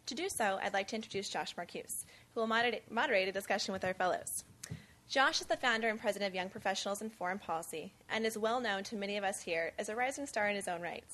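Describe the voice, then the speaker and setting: A young woman in her twenties giving formal, measured prepared remarks as she introduces a panel at a conference. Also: medium pitch, a bit bright. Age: 20s. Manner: measured, reads from a script. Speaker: event speaker introducing a panel. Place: conference event on stage.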